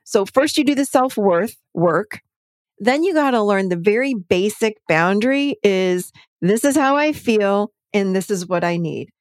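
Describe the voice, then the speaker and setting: A middle-aged woman therapist talking as a podcast guest, animated and acting out what clients say. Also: medium pitch, a little slow, no room sound, clean studio sound. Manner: animated, acts out clients' quotes in livelier voices. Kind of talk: conversational interview.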